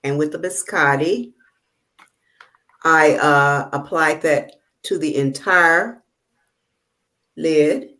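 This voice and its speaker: Low-voiced woman demoing makeup. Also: pushed and bright. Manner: halting, many fillers while working; checks the viewers can see. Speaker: makeup tutorial host. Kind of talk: casual live demonstration. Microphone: video call.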